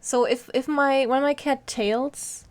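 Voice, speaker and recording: Woman, game streamer, casual chatty, giggles a lot, fairly high voice. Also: steady tone, slow pace. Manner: giggly, chatty, talks to viewers and her cat. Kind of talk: casual live-stream chat while gaming.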